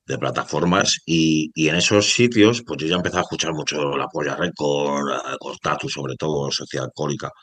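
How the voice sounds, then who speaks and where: A man with a Spanish accent, rapper guest, speaking in an extremely low, deep voice. He talks casually, rambling with slang and restarts. The sound is dry and close. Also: fairly quick, few pauses, fairly bright tone, no room sound. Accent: Spain Spanish. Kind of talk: casual interview talk.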